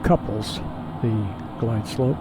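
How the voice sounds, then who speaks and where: A male pilot speaking into his cockpit headset, giving a relaxed, folksy running commentary while he flies. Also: fairly low pitch, takes it slowly. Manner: relaxed, folksy, thinking aloud. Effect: pilot cockpit headset sound. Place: aircraft cockpit in flight. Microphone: pilot's cockpit headset mic. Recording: headset mic over steady cockpit engine noise.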